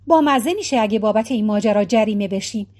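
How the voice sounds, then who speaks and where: A woman reading the part of a tired, reluctant husband who talks dryly and grumbles, lowering her voice for him in an audiobook. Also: lively intonation, dark tone, natural voice. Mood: grumbling. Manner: dry, reluctant, muttering. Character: weary grumbling husband at the wheel.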